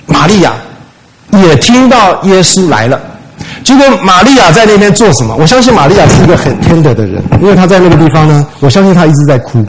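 A man preaches to his congregation in a fairly high voice. He retells the story with lively rhetorical questions and slips English words into his speech. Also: slight background noise, low-quality recording. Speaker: pastor. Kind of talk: sermon.

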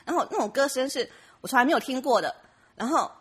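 Fast-talking woman, husky voice. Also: high voice, expressive. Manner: chatty storytelling with many restarts and laughs. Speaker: church member giving a testimony. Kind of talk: personal testimony.

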